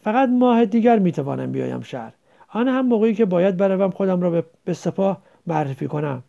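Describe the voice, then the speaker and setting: A male narrator doing a trembling, guilt-ridden man, pleading and agitated. The voice is high and gravelly, with a mellow tone and wide swings in pitch. The recording sounds dull and lo-fi. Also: animated. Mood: insistent. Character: remorseful, nervous man trembling with tension.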